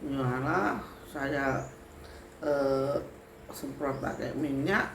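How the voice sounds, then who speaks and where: A woman's voice: a bass voice, very slow. A middle-aged woman, a spiritual healer casually telling her own eerie experiences and often calling out to her listeners as friends. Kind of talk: casual spoken horror storytelling. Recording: roomy room with faint noise.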